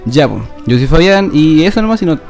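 A young Chilean man with a fairly high voice and very lively intonation. He co-hosts casually, joking in thick slang and laughing often, with faint music behind him. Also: fairly quick, creaky. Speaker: podcast co-host. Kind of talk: casual comedic banter.

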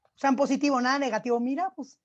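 A woman's voice: high voice, fast talker, dull audio. A woman hosting a podcast, asking questions in a conversational way. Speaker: podcast host. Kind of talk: interview questions.

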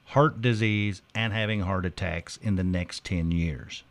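A man's voice: low voice, steady tone, a little slow. A middle-aged man co-hosting a morning radio show, bantering casually and joking at his own expense. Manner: joking, self-mocking, playful teasing.

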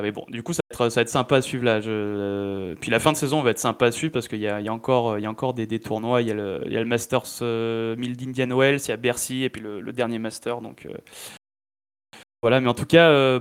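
A man's voice: mid-range voice, smooth. A man from France hosting a casual chat, hesitant and full of restarts and fillers.

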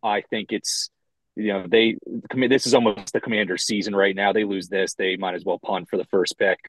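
A low-pitched man calls in over a phone line, his voice dry and close with no room around it. He rambles loosely and swears casually as a podcast co-host, speaking from inside a parked car. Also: fairly even intonation, brisk, fairly bright tone, no echo. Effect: talking over a phone line. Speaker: co-host of a sports betting podcast. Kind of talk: casual chat.

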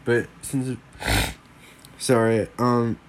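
A young man talks very slowly at a medium pitch, with vocal fry, while hosting his solo sports podcast. He rambles casually, filling pauses often, and sounds a bit worn from a lingering cold he's getting over.

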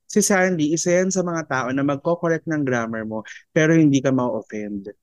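Filipino male teacher co-host; chatty, expressive, code-switching, recorded dry and close. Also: a little high, normal speed, no room sound. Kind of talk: casual chat.

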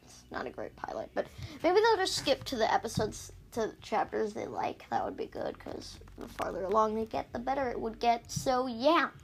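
A woman hosts a casual podcast, speaking into an iPad in a fairly high voice roughened by frequent fry. She talks in a loose, rambling way, breaking off mid-sentence and tossing in giggly asides. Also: big pitch swings, normal speed, a little hiss or hum. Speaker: podcast host recapping books. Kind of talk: casual chat.

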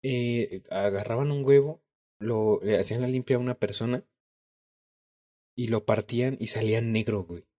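A man's voice: mid-range voice, steady tone, moderate pace, mellow. A young man with a Mexican Spanish accent, co-hosting a podcast and telling a story in slangy casual chat, laughing often. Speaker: podcast co-host.

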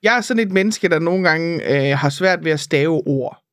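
A woman co-hosting a podcast in casual chat, ranting in an animated, exasperated way and swearing freely. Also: fairly low pitch, no echo, studio quality. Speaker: podcast co-host.

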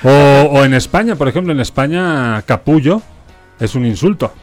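A man's voice: mid-range voice, soft background music. Spanish-born man hosting a chat show. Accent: Spanish, softened toward neutral Mexican. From Spain. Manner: explanatory, measured, often tags "¿no?". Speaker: host. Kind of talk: casual radio-style chat.

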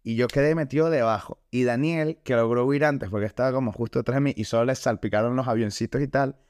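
A man's voice: mid-range voice, quick pace. A man, co-hosting a comedy podcast and telling a childhood story with acted-out quotes. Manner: animated storyteller, acts out quotes. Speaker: podcast co-host. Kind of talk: casual comedic chat.

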